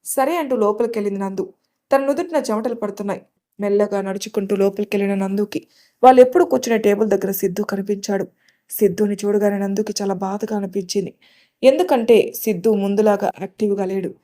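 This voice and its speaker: Woman narrating a story in a mellow voice. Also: mid-range voice.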